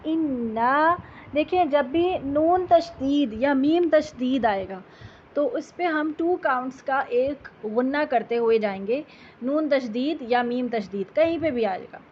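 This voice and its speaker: A woman teaching tajweed, patiently explaining letters and reciting Quranic verses slowly. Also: high voice, dull audio, slight background noise.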